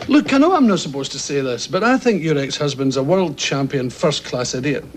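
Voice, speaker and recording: Man acting a jealous soft-hearted boyfriend, high animated voice, hesitant, playfully wounded, TV comedy-drama, faint noise. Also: brisk, close to an everyday voice. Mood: flustered, wounded.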